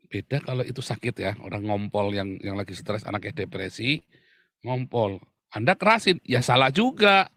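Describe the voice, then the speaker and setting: Indonesian guy preaching, blunt n fiery, bursts out loud, dry close sound. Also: lowish voice, a little slow, no echo. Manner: blunt, animated preaching with sudden loud outbursts. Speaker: pastor. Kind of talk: sermon.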